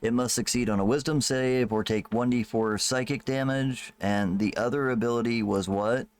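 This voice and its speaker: A man's voice: mid-range voice, steady tone, normal speed, clean tone. A man running a tabletop game as game master, casual and loose, with swearing and laughing asides.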